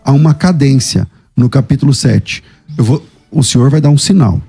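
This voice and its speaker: Um homem num debate teológico, insistente e questionador, que cita as escrituras. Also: male voice, mid-range voice, moderate pace, warm tone, breathy edge, soft background music. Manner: insistent, questioning, quotes scripture. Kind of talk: theological debate.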